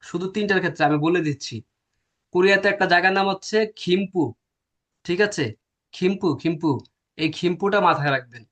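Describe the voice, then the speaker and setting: Man lecturing, slightly high voice, asks then answers his own questions. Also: fast, a bit bright. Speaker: language teacher. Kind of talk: classroom lecture.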